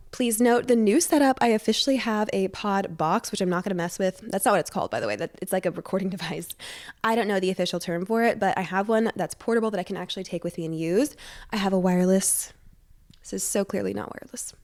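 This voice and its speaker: Congested and stuffy-nosed, a woman rambles bubbly and self-deprecating through her solo podcast, recorded in her living room on a wired podcast microphone. Her voice is mid-range and she talks fast.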